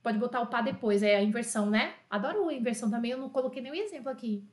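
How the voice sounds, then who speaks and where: A woman teaching French in an enthusiastic, chatty online lesson, repeating phrases slowly for learners to copy. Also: fairly high pitch, reverberant.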